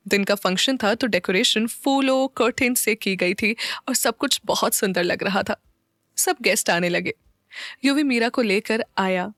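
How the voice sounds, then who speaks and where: A woman's voice: medium pitch, fairly bright tone, no room sound, clean studio sound. Woman narrating an audio story.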